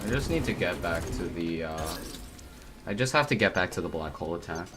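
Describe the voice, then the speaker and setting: Male gaming streamer, lively intonation, rambling jokey commentary, very noisy recording with game gunfire behind. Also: low-pitched, brisk. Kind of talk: casual gaming livestream commentary.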